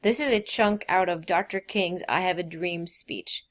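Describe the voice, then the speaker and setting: A woman's voice: fairly low pitch, moderate pace. A woman teacher explaining grammar in a recorded lesson, reading out quoted examples with emphasis.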